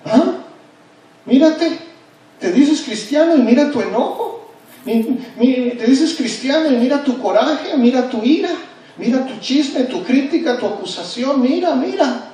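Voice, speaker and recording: A man's voice: very high voice, lively intonation, unhurried, dark tone, far from the mic, a little hiss or hum, voice pushed up. A man voicing a nagging, accusing inner voice of guilt, scornful and jabbing, in an echoey church hall.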